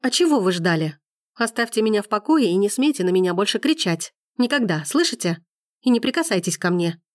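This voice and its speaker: A woman's voice: mid-range voice, big pitch swings, fairly quick, no room sound, clean studio sound, close to an everyday voice. A woman reading an audiobook, voicing an enraged young woman who hurls angry accusations. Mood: sharp. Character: furious young woman in period romance.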